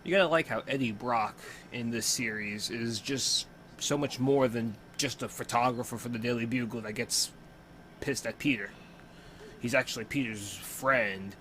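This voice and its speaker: A man's voice: mid-range voice, normal speed, a bit bright, a little hiss or hum. A young man hosting a watch-along, giving casual reaction commentary full of playful, joking asides.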